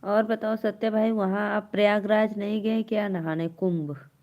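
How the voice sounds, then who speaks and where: A woman's voice: mid-range voice, steady tone, moderate pace, highs cut off. A young woman with an Awadhi accent hosting a folk-song live stream, chatting and teasing viewers and laughing often.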